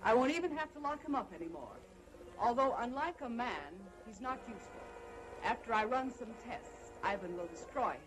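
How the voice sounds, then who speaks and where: An actress playing a cold, confident mad scientist in an old horror film, speaking in a clinical, imperious, deliberate way. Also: female voice, a little high, lively intonation, background noise, lightly acted. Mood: commanding. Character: cold, confident female mad scientist breeding obedient slaves.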